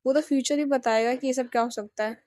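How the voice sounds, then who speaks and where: A woman reading as a short-tempered older brother, curt and exasperated. The sound is close and dry, a little high. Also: fairly even intonation, fast, darkish tone, dry recording, natural voice. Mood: worried.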